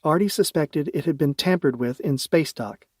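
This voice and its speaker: A man's voice: a little high, moderate pace, a little mellow, breathy edge, no echo. A man narrating a science fiction audiobook in the first person, with a wry, dry humor.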